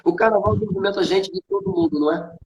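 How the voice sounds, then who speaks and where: High, lively Brazilian preacher man. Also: quick pace, gravelly, lo-fi sound. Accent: Brazilian Portuguese. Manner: emphatic, asks rhetorical questions and answers them himself. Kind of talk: preaching in a conversation. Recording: echoey room with faint noise.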